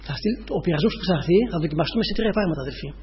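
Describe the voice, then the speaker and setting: A man's voice: a little high, a little hiss or hum. A man preaching a sermon, repeating his points and rising to emphatic peaks as he addresses the congregation as brothers. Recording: dull lo-fi recording with long reverb.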